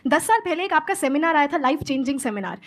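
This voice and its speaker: This is a young woman from Haryana with a high, light voice, answering questions on stage with earnest conviction. She moves easily between Hindi and neatly spoken English sentences, sounding like a practiced motivational speaker addressing a room. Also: very animated, quick pace, fairly bright tone. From Haryana, India. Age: 20s.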